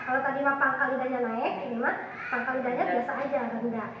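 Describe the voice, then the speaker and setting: A high-pitched woman leads a class. She quizzes the room and repeats sounds slowly. She is picked up from far off in a booming, dull-sounding hall. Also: fairly even intonation, very noisy. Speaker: teacher. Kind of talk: classroom teaching.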